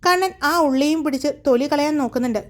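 A woman narrating a romantic story in a steady, even storytelling manner. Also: high-pitched, fast.

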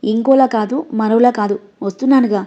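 A woman's voice: fairly high pitch, steady tone, a little fast, warm tone, lightly acted. A woman reading the lines of a shy young woman who is easily irritated. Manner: reluctant, irritated. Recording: dull lo-fi audio.

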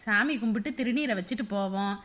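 A woman's voice: a little high, fast, a bit bright, natural voice. A woman playing a middle-aged mother-in-law who reassures and gives orders in a family drama. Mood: reassuring. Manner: reassuring and commanding.

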